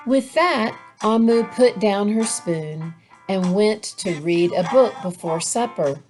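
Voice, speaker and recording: A woman's voice: medium pitch, lively intonation, slow pace, a little mellow, soft background music. A woman reading a children's picture book aloud as a storyteller.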